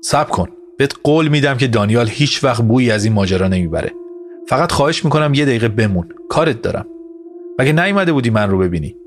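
A man's voice: lowish voice, lightly acted. A man voicing a middle-aged husband who pleads and defends himself in an audio story, over music. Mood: pleading. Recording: music bed behind voice.

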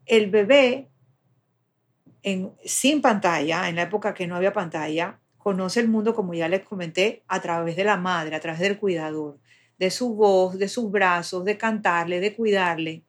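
A woman's voice: lowish voice, normal speed. A woman explaining child development step by step in a patient, conversational way.

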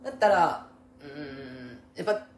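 In an echoey room with a little background noise, a woman talks with a Kansai accent and very lively intonation. She gives casual, empathetic advice as a co-host, emphatic and quick to agree. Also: low-pitched. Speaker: podcast co-host giving listener advice.

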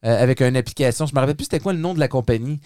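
A man's voice: medium pitch, very fast, dark tone, smooth, no echo, studio quality. A man with a Québécois French accent, telling a story in casual chat, laughing often and slipping in English phrases.

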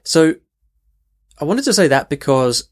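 A man's voice: on the high side, big pitch swings, unhurried. Chatty man teaching pronunciation. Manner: conversational, many restarts and "okay" check-ins. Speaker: language teacher, podcast host. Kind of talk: unscripted podcast lesson. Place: in London.

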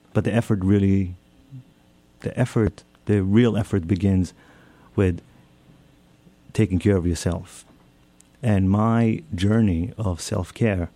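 Deep-voiced man. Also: mellow, no room sound. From Israel. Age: 30s. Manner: reflective, repeats and rephrases phrases. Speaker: speaker. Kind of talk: personal talk on self-care.

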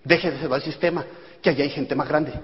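A man giving an animated motivational talk, acting out dialogues with sudden loud bursts. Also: on the high side, brisk. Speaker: motivational speaker at a business event. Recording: echoey hall, dull lo-fi sound.

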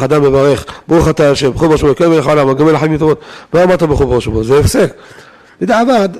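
Man giving a lively Torah lesson. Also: on the high side. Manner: lively, rhetorical questions to listeners. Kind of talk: weekly Torah lesson to a live audience.

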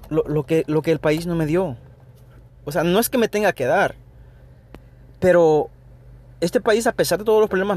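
A man's voice: a little high, darkish tone. A Salvadoran man hosting a solo podcast, talking in an earnest, opinionated way, with frequent restarts and "ok" check-ins. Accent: Salvadoran Spanish. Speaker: podcast host. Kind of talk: spontaneous solo podcast monologue.

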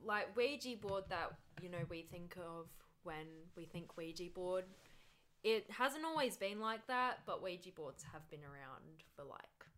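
A woman's voice: lowish voice, expressive, a little slow, a bit bright. A young woman hosting a casual podcast, chatty and giggly as she talks with friends. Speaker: podcast host. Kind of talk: casual chat.

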